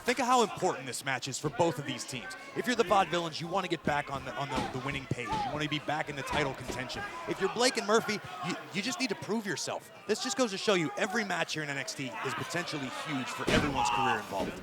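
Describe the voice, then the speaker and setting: A man's voice: a little high, lively intonation, fast, hardly any pauses. A man working as a wrestling colour commentator, giving conversational analysis with emphatic repeated words. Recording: loud crowd and music behind. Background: arena crowd and music.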